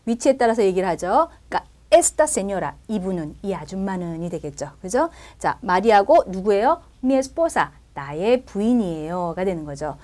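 Woman language teacher with a lively, up-and-down voice, patient and step-by-step. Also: mid-range voice. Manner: explains step by step, often checks with "그죠?". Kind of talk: recorded language lesson.

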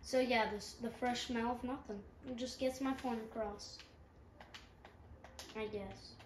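A gaming channel host with a stuffy nose rambles through let's-play commentary, poking fun at herself as she plays. Her voice sits on the high side, with fairly even intonation and an unhurried pace. The recording sounds roomy, with a distant mic and a faint hum in the background.

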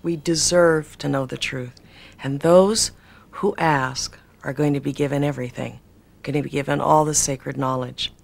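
A woman speaking in an archival interview, telling her story earnestly and a bit breathlessly. Her voice sits fairly low with a gravelly, creaky edge. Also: fairly even intonation, moderate pace. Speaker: spiritual channeler.

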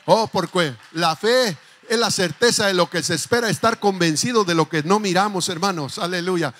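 A man's voice: sits high, normal speed, fairly bright tone. A male pastor preaching a fervent church sermon, calling out to the congregation.

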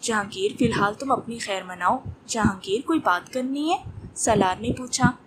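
A woman's voice: on the high side, lively intonation, normal speed. Woman reading a romance novel aloud. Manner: reads all parts in her own voice. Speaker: novel narrator. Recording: noisy recording with clicks.

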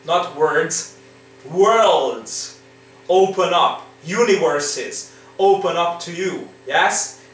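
A Romanian man whose first language is Hungarian leads an English exam lesson at home in his living room, guiding his students along at a slow, coaxing pace and often tacking on a rhetorical "right?" as he checks in. His somewhat high voice has a fairly bright tone. Captured from afar by a laptop or camera in front, the audio echoes around the room with faint noise underneath.

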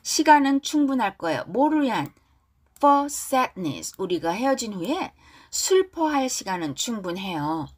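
A woman teaching English pronunciation through song lyrics, reading lines slowly and explaining them briskly. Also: a little high, big pitch swings, darkish tone.

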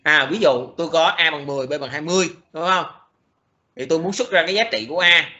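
A male programming lecturer with a voice on the high side, bright and forceful, works through code at a slow pace. He hesitates a lot, using many fillers and restarting his sentences, in a dull, lo-fi recording.

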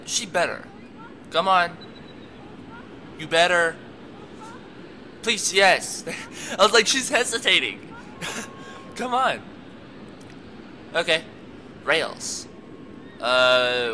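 A young man giving let's play commentary, excitable and talking to the game's characters as he plays. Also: medium pitch, slight background noise. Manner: excitable, talks to the game characters, laughs a lot. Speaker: gamer.

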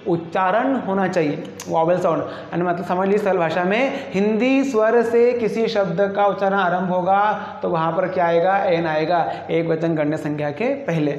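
A man's voice: high voice, fairly even intonation, moderate pace, few pauses. A man teaching an English lesson who keeps asking the class questions and then answering them himself. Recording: echoey, muffled room recording.

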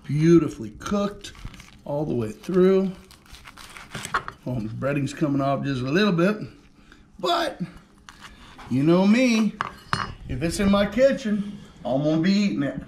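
Chatty, high-voiced man cooking. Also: very animated, measured pace, pauses often, darkish tone, a little hiss or hum. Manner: chatty, enthusiastic, talks to viewers while cooking. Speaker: cooking show host. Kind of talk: casual cooking demonstration. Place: home kitchen studio, indoors.

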